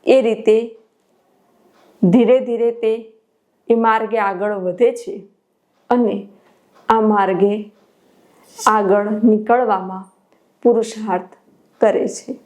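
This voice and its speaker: A woman spiritual teacher telling a devotional parable, expressive and exclamatory. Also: medium pitch, slow pace, long pauses.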